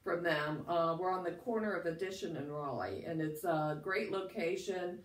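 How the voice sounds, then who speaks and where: A woman with a croaky, froggy voice from a head cold, giving casual interview answers about her work. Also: fairly low pitch, normal speed. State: has a cold. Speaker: free clinic director, interviewee. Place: indoors at a clinic. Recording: echoey room, distant mic.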